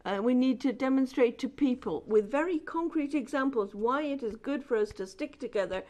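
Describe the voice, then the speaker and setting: A woman's voice: sits high, expressive, moderate pace, a little mellow. A woman interpreting a conference speech, earnest and filled with hesitations.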